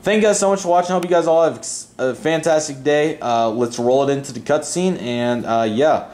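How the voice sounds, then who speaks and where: A fairly high-pitched man with a darkish tone narrates his model airport hobby videos at a moderate pace. He keeps it casual, earnest and unscripted, drifting from point to point.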